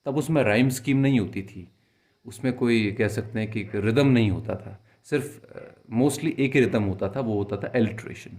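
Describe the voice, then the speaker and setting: A man's voice: medium pitch, moderate pace, a little mellow. A young man teaching a literature lesson, explaining patiently and repeating questions and examples for his students. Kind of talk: explaining literature lesson in Hindi mixed with English.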